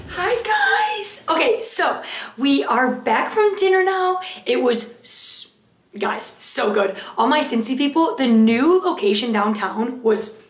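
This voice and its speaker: A bubbly woman, chatting straight into her phone camera for a casual vlog. Her voice sits high, and the echoey room sound rings around her words. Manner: bubbly, chatty, full of "like" and "you guys". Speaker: vlogger.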